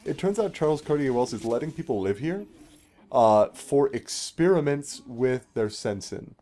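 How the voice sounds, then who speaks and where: Playing through a game, this let's play host offers wry, casual, explanatory commentary. His medium-pitched voice is warm and animated, at a moderate pace, and game music runs underneath.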